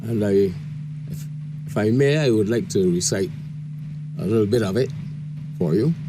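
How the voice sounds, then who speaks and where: A man's voice: lowish voice, moderate pace, background noise. An older man with a Barbadian accent, a guest on a call-in radio show, talking reflectively and reciting his own verse. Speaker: guest poet.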